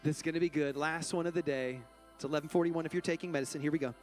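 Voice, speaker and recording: A high-voiced pastor runs a raffle from the church stage and jokes with the congregation. He speaks into a stage microphone, and faint music plays in the church behind him. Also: steady tone, very fast. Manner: playful, joking with the congregation. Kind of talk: church service announcements and raffle.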